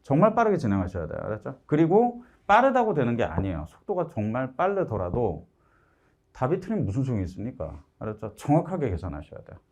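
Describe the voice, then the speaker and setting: A man's voice: mid-range voice, fast talker, lo-fi sound. A middle-aged man teaching a math class. He talks to the students directly and keeps checking that they follow him. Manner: lively, keeps asking "알았죠?" to check understanding; acts out students' complaints in a raised voice. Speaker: math instructor. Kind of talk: lecture to students.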